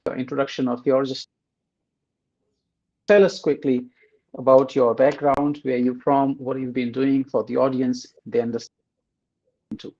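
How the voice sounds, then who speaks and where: Gravelly-voiced man hosting an interview. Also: mid-range voice, level tone, a little slow, pauses often, dark tone. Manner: friendly, rambling intro with many fillers. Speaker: host. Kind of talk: casual interview. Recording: slightly dull lo-fi sound.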